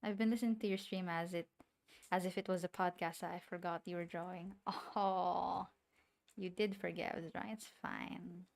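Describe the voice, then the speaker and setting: Young woman streamer w/ a non-native english accent, gravelly low fry in her voice, rambles and giggles to herself while drawing. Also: steady tone, moderate pace. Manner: rambling and giggly, talking to herself as she works. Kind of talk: casual chat while drawing on a livestream.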